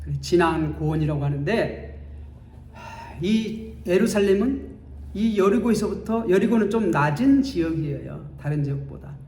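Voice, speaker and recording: A man's voice: sits high, animated, moderate pace, dark tone, slight background noise. A male pastor giving a Sunday sermon in a church, telling the story dramatically and acting out its scenes. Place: church sanctuary. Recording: echoey church hall.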